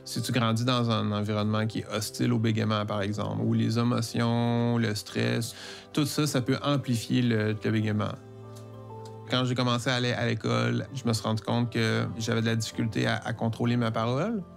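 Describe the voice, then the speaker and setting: A middle-aged comic book author with a Québécois French accent gives a personal testimony as an interviewee, speaking fairly quickly in a mid-range, gravelly voice with a level tone. Faint music plays behind him, and he stutters, frequently repeating words and sounds as he tells his story.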